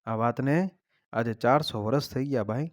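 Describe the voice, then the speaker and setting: A male storyteller tells a heroic folk legend in a dramatic, declamatory way. His voice sits in a middle pitch. The recording is dry and close, with no room sound. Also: normal speed, no room sound. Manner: declamatory, recites verse. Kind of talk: dramatic folk-tale narration.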